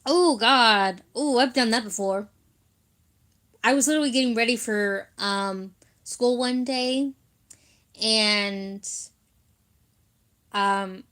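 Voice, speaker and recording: A woman's voice: on the high side, takes it slowly, long pauses, fairly bright tone. A young woman chatting casually to her viewers, telling childhood stories with frequent giggles and filler words. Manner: giggly, laughs often while telling stories. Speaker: vlogger. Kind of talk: casual storytelling chat.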